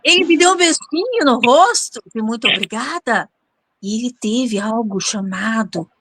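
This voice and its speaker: A woman hosting a show, telling a story to her audience in a dramatic, animated way and often turning to speak to them directly. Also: a little high, moderate pace, dry recording. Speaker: show host and interviewer.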